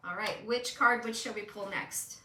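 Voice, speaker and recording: A woman's voice: mid-range voice, moderate pace, sharp tone, slight background noise. A woman hosting a card reading in casual conversation, instructive and often checking that the listener agrees. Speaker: host giving a card reading. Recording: echoey room, distant mic.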